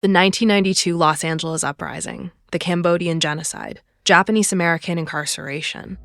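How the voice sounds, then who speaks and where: A woman announcing a podcast in a scripted ad, slow and earnest. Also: lowish voice, steady tone, creaky, a bit bright, no room sound, studio quality. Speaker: promo announcer. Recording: music bed under voice.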